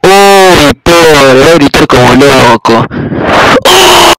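A man's voice: medium pitch, takes it slowly. A man with a Rioplatense Spanish accent voicing assorted comic cartoon characters in an exclamatory, bouncy cartoon style. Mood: excited. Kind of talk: animated cartoon dub voices. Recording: loud background noise.

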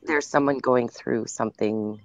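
A woman calling into a live stream over a video call, speaking in a hesitant, halting way. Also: rumbling low, no room sound. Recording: dull lo-fi call audio.

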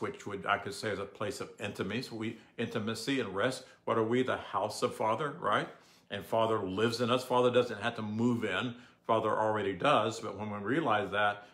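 An older man giving a relaxed, conversational sermon, often asking the audience questions. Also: on the low side. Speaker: pastor. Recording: echoey room.

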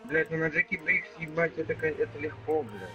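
A man's voice: fairly high pitch, fairly even intonation, fairly quick, pushed and bright. A man chatting casually while playing a video game, swearing constantly in offhand mutters and exclamations, with game music behind him. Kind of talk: casual gaming chat over a match.

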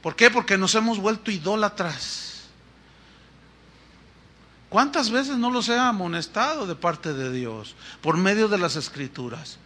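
High, forceful preacher man. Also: expressive, measured pace. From Mexico. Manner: emphatic exhorting preacher, rhetorical questions. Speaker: pastor. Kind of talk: sermon.

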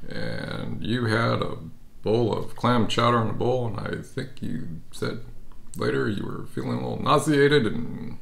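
A middle-aged man co-hosting a food tasting, talking casually in a relaxed, halting way at a table at home. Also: medium pitch, vocal fry. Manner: relaxed, halting, repeats words while recalling. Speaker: food channel co-host. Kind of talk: casual taste-test chat. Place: dining room at home, seated at a table.

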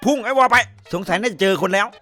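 Rapid, bright-voiced joking game streamer man. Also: sits high, faint music behind. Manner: rowdy, joking and crude, full of swearing and banter. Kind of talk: comedic gameplay commentary.

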